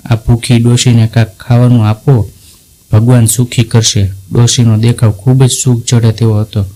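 A man reads a devotional folk story aloud, keeping his delivery level and unhurried. His voice sits in a mellow, darkish register and barely rises or falls, so the story moves along in one steady line. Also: medium pitch, poor audio. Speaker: narrator. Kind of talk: scripted devotional story narration.

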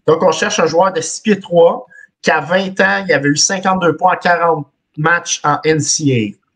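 Husky-voiced Quebec French quiz host. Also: male voice, fairly high pitch, moderate pace, a bit bright. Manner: reads clues in first person, laughs often. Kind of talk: casual podcast quiz on a video call. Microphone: video call webcam.

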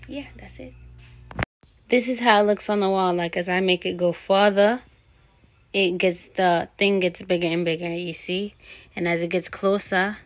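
A young woman chatting casually in a home vlog, relaxed and rambling with fillers, filmed on a phone held at arm's length. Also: medium pitch, normal speed. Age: young adult. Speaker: vlogger. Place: home, kitchen and bedroom indoors.

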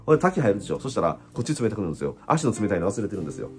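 A man with an Osaka accent, hosting a casual spiritual talk in an animated, joking way, laughing often. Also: on the low side, very fast, faint music behind. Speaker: host.

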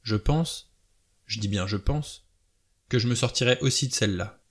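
A man's voice: mid-range voice, fairly quick, close to an everyday voice. A man voicing a cool, self-assured adventurer who teases his companion in an audiobook. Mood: mocking.

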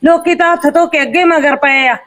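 An anxious village mother lectures her son earnestly in a short film, played by a woman. Her voice is high and steady. She sounds serious throughout. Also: fairly quick. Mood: worried.

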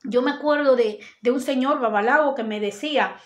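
A woman's voice: sits high, normal speed. A woman giving an earnest spiritual self-help talk, speaking straight to her viewers and repeating her points. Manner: earnest, repetitive, addresses viewers directly. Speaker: spiritual guide.

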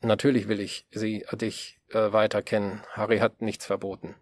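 A man's voice: fairly low pitch, little pitch movement, moderate pace. A man voicing a hesitant teenage girl stuck in a boy's body, answering in short, faltering bits. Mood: flustered.

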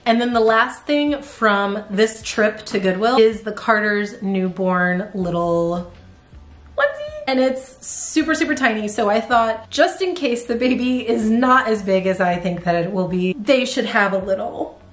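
A woman's voice: mid-range voice, unhurried. A young woman vlogger chatting casually about a haul, bubbly and gushing, often slipping into a cutesy baby voice. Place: outdoors in bright sun. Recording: roomy echo.

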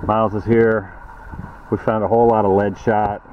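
A man's voice: lowish voice, little pitch movement, moderate pace, narrow, tinny audio. A young man talking casually to viewers as co-host of a treasure hunting vlog. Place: outdoors by a river. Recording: noisy outdoor camera audio by water.

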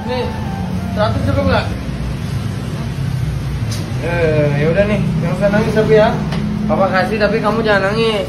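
A woman playing a gentle father who coaxes his child and hands over money. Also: medium pitch, moderate pace, pauses often, pitched below the performer's own voice, lightly acted. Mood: coaxing. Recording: echoey, from a distance, loud music.

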